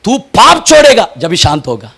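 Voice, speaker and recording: A man preaching a fervent sermon as pastor, moving between shouted peaks and hushed asides, often asking questions and answering them himself. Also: high voice, wildly swooping pitch, moderate pace, vocal fry, husky. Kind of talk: impassioned Hindi sermon.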